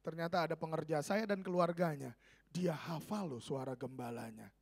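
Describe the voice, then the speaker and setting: Pastor guy, kinda high and a bit raspy, preaching all lively and jokey. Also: normal speed. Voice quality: slightly raspy voice. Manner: animated, joking, swings between loud and soft. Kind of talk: sermon.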